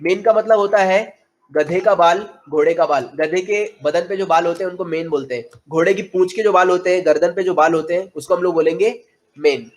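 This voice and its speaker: A man in his twenties with an Indian accent teaching an online spoken English class. He switches between Hindi explanations and slow, carefully spaced English model sentences. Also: high voice. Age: 20s.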